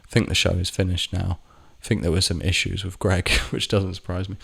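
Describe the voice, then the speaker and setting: A man with a deep, low voice tells a personal story in a loose, rambling way. He swears freely and keeps stopping to correct himself mid-sentence. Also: little pitch movement, fairly quick, creaky, fairly bright tone, slightly rough. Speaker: vlogger. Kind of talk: casual storytelling monologue.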